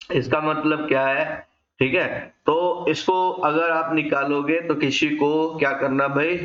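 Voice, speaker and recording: A man teaches vocabulary for an exam, posing questions and then answering them himself. His voice is bright and forceful. The recording sounds roomy and slightly dull. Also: medium pitch. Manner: explains in Hindi mixed with English, asks and answers his own questions; frequent checking tags like "thik hai". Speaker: English teacher. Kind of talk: exam-prep vocabulary lesson. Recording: echoey room, dull lo-fi sound.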